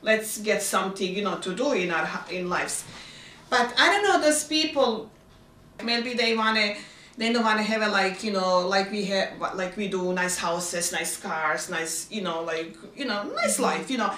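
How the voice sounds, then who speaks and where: A woman's voice: mid-range voice, unhurried, a bit bright, reverberant, far from the mic, a little hiss or hum. A woman from Bosnia, talking freely with many fillers and loose grammar in a documentary interview. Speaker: refugee interviewee.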